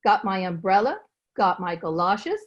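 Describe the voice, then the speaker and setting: Recorded remotely over a video call with dull audio, a woman plays a cheerful, folksy, plain-spoken housekeeper in an old-time radio comedy, resolute and determined. Her mid-range voice is sing-song at normal speed, and the acting is light.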